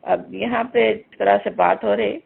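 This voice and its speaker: A Quran teacher delivers a commentary lesson, unpacking each verse word by word and pressing hard on the key points. The voice is husky, with a gravelly edge. It comes through thin and tinny, like a phone line. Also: medium pitch, steady tone. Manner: explains verses word by word, emphatic.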